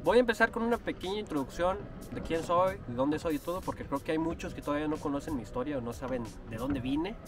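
A man's voice: on the high side, fast talker, few pauses, far from the mic, over music. A young man in his twenties with a Mexican accent, chatting casually and slangily to camera while sitting in a rowboat on a lake. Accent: Mexican Spanish. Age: 20s. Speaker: vlogger. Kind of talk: casual vlog chat. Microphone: action camera at arm's length.

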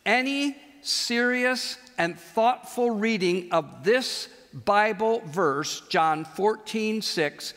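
An older man preaching a chapel sermon on a large auditorium stage, animated and gesturing, slowing into emphatic pauses. He speaks into a headset mic. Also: high-pitched, in a large hall.

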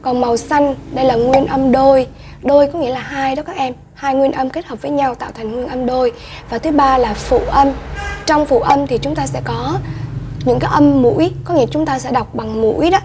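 A woman teacher with a Vietnamese accent leading a children's pronunciation lesson, modelling each sound slowly and clearly for repetition. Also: sits high, noisy background.

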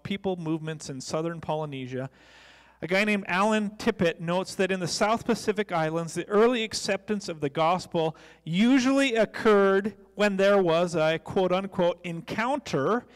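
A middle-aged American pastor preaches a sermon on a church stage in a large indoor room, holding a handheld microphone. His high voice is clear and resonant. The recording carries long, echoey hall reverb.

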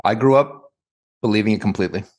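A man's voice: fairly low pitch, fast, darkish tone. A man from the United States, a guest author answering interview questions in a thoughtful, hedging way, full of "kind of" and "like".

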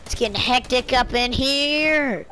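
A woman's voice: high voice, measured pace, sharp tone, a little hiss or hum. A woman giving casual, goofy commentary while playing a video game, exclaiming often. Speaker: gamer streaming her play. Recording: game gunfire over the voice. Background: video game gunfire and clicks.

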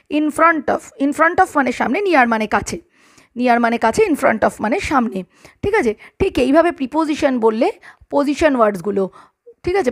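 High-voiced woman teaching English grammar. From Bengal. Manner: repeats examples, checks understanding with questions; reads English sentences slowly and carefully. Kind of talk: explaining grammar lesson.

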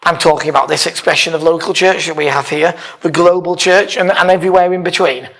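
The pastor, a man, speaks from a stage lectern in a church hall, giving an informal sermon that is conversational, emphatic, and partly read aloud. His voice is a little high and a bit bright, gravelly in texture, fast, and steady in tone.

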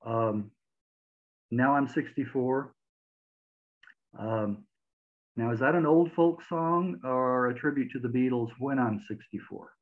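A man's voice: mid-range voice, takes it slowly, long pauses. A man with a middling voice asks friendly questions, stumbling and repeating words as he goes. His voice comes through a thin, phone-like video call line from a home room. The audio is narrow and tinny throughout. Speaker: interviewer host. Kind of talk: casual interview over video call. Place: home room with record shelves. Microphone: video call webcam mic.

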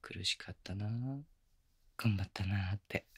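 A man playing a teasing, affectionate young boyfriend in intimate ASMR role-play, murmuring softly and very close to the microphone. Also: fairly low pitch, steady tone, slow, dry recording, full character voice. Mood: playful teasing. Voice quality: breathy, gravelly. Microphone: very close binaural microphone, dry.

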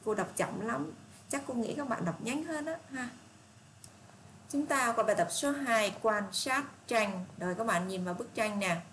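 A woman tutor reading a first-grade math workbook aloud to children, slow and patient, asking them encouraging questions. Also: on the high side, expressive, a bit bright, a little hiss or hum. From Vietnam. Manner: slow, patient, reads problems aloud deliberately.

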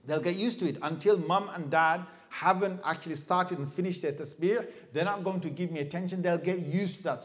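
Animated man preaching a sermon. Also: fairly high pitch. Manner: animated, asks the crowd questions, mimics crying babies. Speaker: Islamic preacher. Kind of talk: lively sermon to a live audience.

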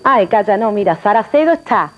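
A woman telling jokes to an audience in a chatty, animated way, doing voices. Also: mid-range voice, a little fast. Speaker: joke teller. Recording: dull lo-fi TV audio.

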